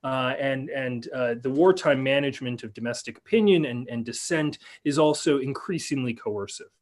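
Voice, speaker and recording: A man lecturing on a video call, reading a prepared paper in a measured way and then answering questions with many fillers and restarts. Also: mid-range voice. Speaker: lecturer and researcher.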